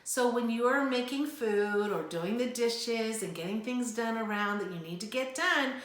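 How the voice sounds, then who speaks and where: An older woman who owns a preschool speaks at a fairly high pitch and moderate pace, offering earnest, reassuring parenting advice to the camera. Now and then she acts out a child's whiny voice. The room sounds echoey.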